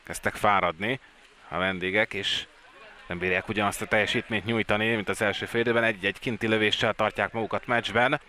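Male sports commentator, excitable live match delivery, fairly low voice with a forceful, bright edge. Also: a little hiss or hum. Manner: excited, voice rising at key plays.

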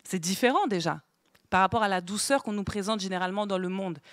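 Writing on a board and quizzing her small group, a woman teaches an interactive Bible lesson in a meeting room. She talks quickly in a mid-range voice. The sound is clean studio audio with no room sound.

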